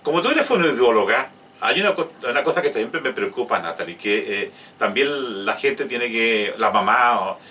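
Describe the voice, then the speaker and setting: Older man, halting host. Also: mid-range voice, expressive, bright, forceful tone. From Chile. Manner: halting, many fillers, addresses viewers directly. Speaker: host of community interview. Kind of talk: informal interview. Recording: distant mic with faint ambient noise.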